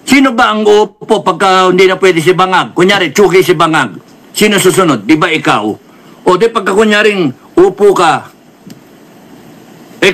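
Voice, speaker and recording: With a fairly bright tone and a voice that sits high, this Filipino man lectures on political matters. English phrases creep into his talk, and he repeatedly says sorry.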